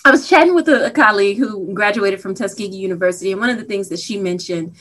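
A woman's voice: medium pitch, fast talker, a bit bright. A woman hosting a podcast interview, chatty and playful, laughing often. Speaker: podcast host. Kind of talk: casual interview chat.

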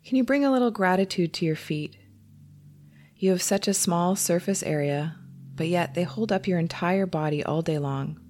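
This is a guided meditation led by a low-pitched woman who teaches meditation. She speaks gently and unhurriedly, with long pauses.

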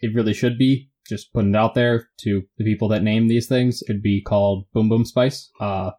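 A man co-hosting a casual podcast chat, playful and jokey, often pitching his lines up like questions. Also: steady tone, moderate pace, dark tone. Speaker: podcast co-host.

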